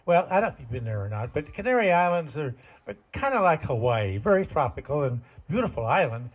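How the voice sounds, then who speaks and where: A man's voice: on the high side, very animated, fast talker. An older man telling folksy, self-deprecating jokes as stand-up comedy at a community talent show.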